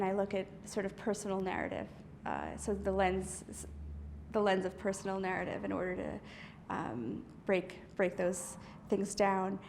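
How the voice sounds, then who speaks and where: A woman's voice: mid-range voice, a little mellow, slight background noise. A woman artist from the US East Coast in a casual interview, talking thoughtfully with many fillers, restarts and light laughs. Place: indoor art studio.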